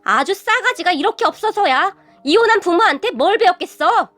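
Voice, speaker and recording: Brief: scornful shouting middle-aged mother, cruel and snobbish, high-pitched, put on by a female narrator. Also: animated, moderate pace, faint music behind. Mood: angry.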